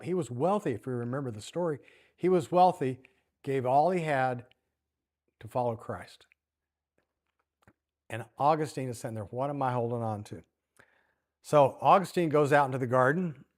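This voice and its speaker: A man preaches at church with a middle-pitched voice. He tells the story in a relaxed way, asking the room questions as he goes. He reads passages aloud now and then. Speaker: church teacher. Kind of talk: sermon.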